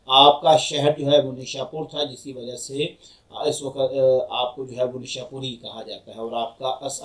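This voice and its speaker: A man giving a university lecture as a professor, telling stories and repeating phrases for emphasis. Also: medium pitch. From Pakistan.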